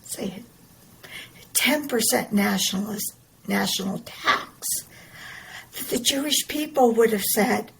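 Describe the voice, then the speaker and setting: A woman's voice: medium pitch, takes it slowly, vocal fry, pauses often, slight background noise, low-quality recording. A middle-aged woman, talking earnestly and emphatically in a personal monologue, often repeating her words. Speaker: podcast host.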